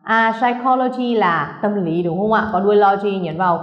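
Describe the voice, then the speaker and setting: A woman English teacher explaining to students, patiently checking understanding and slowing down for English words. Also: mid-range voice, reverberant, highs cut off. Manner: patient, keeps checking understanding with tag questions; switches between slow spelled-out English and quick explanation.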